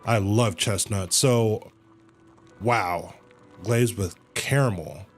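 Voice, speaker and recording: This man, with a fairly low-pitched voice, takes it slowly as he livestreams a game. He reads the dialogue aloud casually, reacts using slang, and sometimes stumbles and corrects himself, with video game music in the background.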